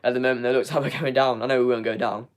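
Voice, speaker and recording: The voice is mid-range, steady and smooth, and very fast. A young man is reviewing a football match live for his fan channel and reading chat, and his voice is fading while he rambles with many fillers and repeated words.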